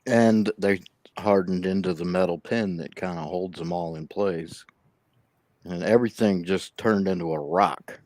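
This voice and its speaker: This man speaks low and a little slowly, with a darkish tone on a dry recording made through a laptop mic. Missing front teeth give him a slight lisp as he chats casually on a live stream, mumbling a bit through a long, wandering story.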